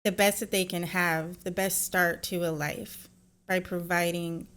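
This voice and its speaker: A woman's voice: lowish voice, steady tone, a little slow, a bit bright. A woman hosting a reaction video, giving blunt, opinionated commentary that often turns into a lecture. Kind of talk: casual commentary.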